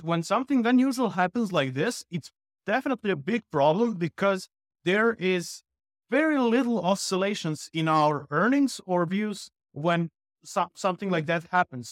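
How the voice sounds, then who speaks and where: A man's voice: sits high, dry recording, clean studio sound. A man from Serbia, a guest explaining at length with frequent fillers. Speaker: guest YouTuber.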